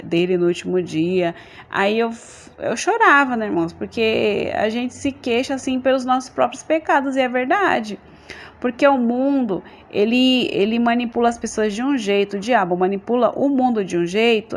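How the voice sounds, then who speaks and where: A woman from Brazil with a Brazilian Portuguese accent, giving an earnest religious testimony to her congregation and often checking in with her listeners. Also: medium pitch. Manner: earnest, addresses listeners as brothers, frequent tag questions. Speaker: church member giving testimony.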